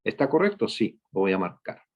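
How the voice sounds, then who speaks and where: This data instructor talks a little fast in a fairly low voice with big pitch swings. In his screen-share coding lesson he explains step by step, checking in with "¿eh?" and "¿ok?" after nearly every point. Audio is dull and lo-fi.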